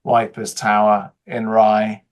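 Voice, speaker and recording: A man's voice: on the low side, completely flat delivery, takes it slowly. A man from southern England telling anecdotes in casual chat as a podcast guest.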